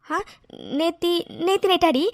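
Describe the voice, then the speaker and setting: A woman's voice: very high voice, fairly even intonation, measured pace. A woman voicing a young bride in a cartoon story, who stammers and gets flustered. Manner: stammering when caught out.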